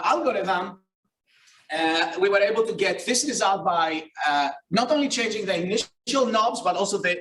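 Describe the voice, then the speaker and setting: A Greek man, a researcher and keynote speaker, gives a casual, self-deprecating conference lecture full of fillers, restarts and self-corrections. His high-pitched voice is bright and forceful with a little hiss or hum, and the hall sound is roomy and distant.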